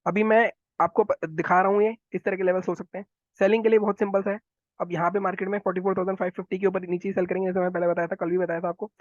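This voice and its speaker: A man talking viewers through market charts, quick and instructive, often repeating his phrases. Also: high voice, flat delivery, dry recording, dull audio. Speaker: stock market analyst. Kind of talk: chart analysis walkthrough.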